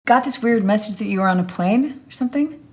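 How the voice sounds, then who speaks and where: An actress playing an anxious wife in a film drama, tender and pleading. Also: female voice, mid-range voice, fast talker, natural voice. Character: anxious, pleading wife missing her man.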